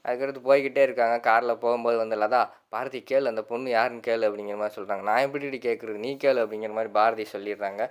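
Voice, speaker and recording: Guy retelling a tv serial episode real quick, quoting everyone, clean voice. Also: medium pitch, fairly even intonation, clean tone, dull audio. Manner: rapid, running narration quoting each character in turn. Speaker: serial episode recap narrator. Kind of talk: casual spoken story recap.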